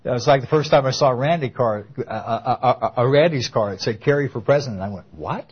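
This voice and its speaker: An older man preaching a sermon as pastor, emphatic and storytelling, with animated asides. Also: medium pitch, quick pace, breathy edge, lo-fi sound.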